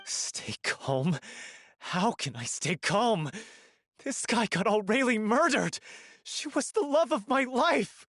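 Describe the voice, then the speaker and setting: A grieving, furious troupe actor. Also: male voice, high voice, animated, takes it slowly, dry recording, clean studio sound, full character voice. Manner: shouting accusations, emotional. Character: grief-stricken young man of a theater troupe, hot-tempered. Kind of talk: video game voice acting.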